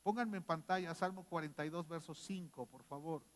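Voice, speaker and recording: A pastor delivers his sermon in a fairly high male voice. The church hall gives a long reverb. He drops to a near murmur for scripture, then rises to loud, ringing exhortation. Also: a little fast. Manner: swings from quiet reading to loud shouting.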